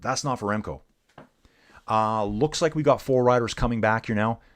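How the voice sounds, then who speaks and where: A middle-aged man speaks at medium pitch and normal speed, loosely narrating a bike race live. He keeps things laid-back, chatting with viewers, reading their comments out loud, and saying "dude" again and again.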